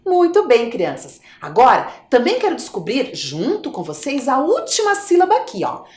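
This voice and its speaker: A Brazilian woman teaching a video lesson to small children, her voice lively and swooping as she coaxes them with questions. Her pitch sits somewhat high, and the recording has an echoey, roomy sound. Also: moderate pace. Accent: Brazilian Portuguese. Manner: animated, coaxing, asks children questions. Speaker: primary school teacher.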